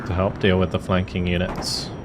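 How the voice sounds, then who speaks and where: A man's voice: low voice, completely flat delivery, moderate pace, background noise. A man giving casual commentary on a strategy war game, thinking aloud through his tactical decisions. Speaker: gaming video host.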